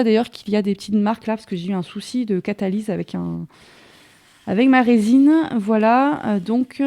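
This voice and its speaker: A French woman hosting a casual craft haul vlog, chatting warmly with many small fillers and restarts. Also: a little high. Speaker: crafting channel host.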